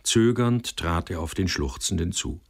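A man's voice: sits low, animated, a little slow, vocal fry, husky. A man reading a story aloud as narrator, telling it expressively. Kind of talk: audiobook narration.

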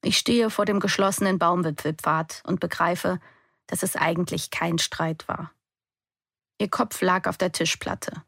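A woman's voice: fairly low pitch, steady tone, unhurried, creaky, a bit bright, no room sound, studio quality. A young adult woman giving an intense, emotional first-person audiobook narration.

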